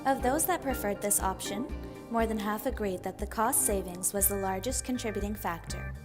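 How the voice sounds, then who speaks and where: Woman, student presenter, formal scripted narration, loud music behind. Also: mid-range voice, normal speed. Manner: formal, reads statistics.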